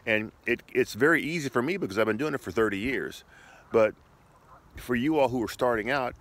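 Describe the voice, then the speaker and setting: A middle-aged man preaches in an informal, conversational devotional style, encouraging listeners and often repeating his phrases. His medium-pitched voice is brisk and a bit bright. He's outdoors by a shoreline path, recorded on a phone held at arm's length, with clear outdoor ambient noise.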